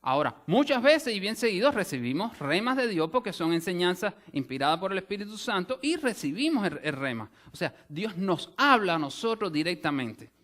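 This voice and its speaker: Spanish-speaking pastor with a fairly high voice. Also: male voice, big pitch swings, fairly quick, few pauses, a bit bright. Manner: explanatory teaching with frequent restarts and "o sea" asides. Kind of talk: sermon. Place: church sanctuary.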